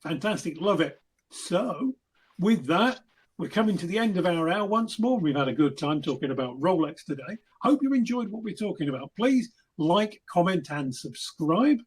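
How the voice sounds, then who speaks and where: Male podcast host, husky tone, upbeat and affirming. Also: sits high, expressive, normal speed. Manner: affirming, enthusiastic listener. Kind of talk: casual chat.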